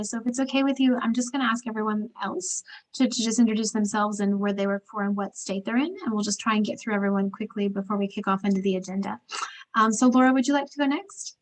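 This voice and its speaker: A woman hosting an online meeting over a video call, moving people along briskly and encouragingly. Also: fairly high pitch, steady tone, low-quality recording. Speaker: meeting host.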